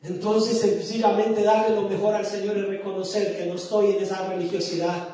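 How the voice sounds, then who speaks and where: A man preaching a sermon as pastor, passionate, firing rhetorical questions and rising to shouts. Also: high voice, little pitch movement, moderate pace, soft background music. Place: church sanctuary. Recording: very echoey church from a distance.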